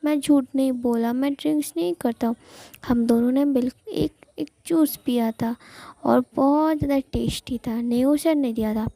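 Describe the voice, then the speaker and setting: A woman's voice: high-pitched, normal speed, vocal fry, dark tone, dry recording. A woman voicing a melodramatic, tipsy young man who whines and repeats himself in self-pity, inside a told story. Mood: defensive. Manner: whining, repetitive, self-pitying. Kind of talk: storytelling with voiced characters.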